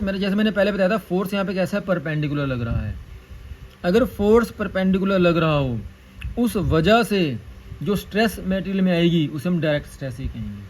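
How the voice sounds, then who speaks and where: A man with a high voice gives a classroom lecture, drilling key terms and slowing down to dictate each formula. A faint hiss of background noise sits under the recording. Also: darkish tone, low-quality recording. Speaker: teacher.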